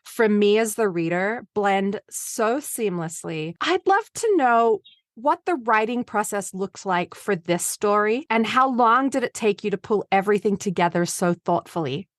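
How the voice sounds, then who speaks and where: A woman's voice: medium pitch, lively intonation, a little slow, no room sound, studio quality. A woman hosting a podcast interview, chatty and enthusiastic as she asks her guest questions. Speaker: podcast host.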